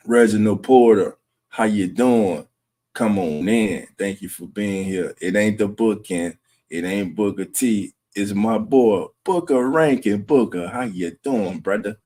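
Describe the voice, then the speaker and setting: A laid-back man hosts a fan livestream, reading the chat and greeting viewers by name. His voice sits on the low side. He takes his time and often chuckles as he talks. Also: a little mellow. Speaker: host of a fan sports livestream. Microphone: streaming setup.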